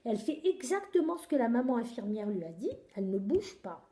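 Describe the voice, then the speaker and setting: A woman telling an improvised children's story in an animated, expressive way, sometimes searching for words. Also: a little high, fairly quick. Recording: echoey room.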